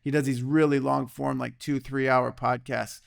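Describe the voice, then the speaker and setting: A man hosting a podcast in a casual, energetic way, often checking in with "okay" and "right?". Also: medium pitch, normal speed, creaky, smooth. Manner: energetic, excitable, peppers talk with "okay" and "right?". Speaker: podcast host.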